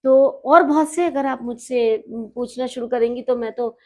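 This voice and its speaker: A middle-aged woman being interviewed on a podcast, with a slightly high voice. She talks in a measured, reflective way and turns teacherly, leaning on single words and repeating them until they are pronounced right. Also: mellow. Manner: teacherly, stresses and repeats words to correct pronunciation. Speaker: guest, newspaper editor and poet.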